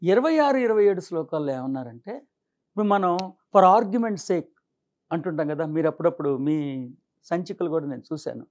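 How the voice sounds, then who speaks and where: A man explaining scripture in an interview, reciting verses slowly and then answering his own questions. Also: a little high, animated, darkish tone. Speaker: spiritual teacher, interview guest. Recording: dull lo-fi sound.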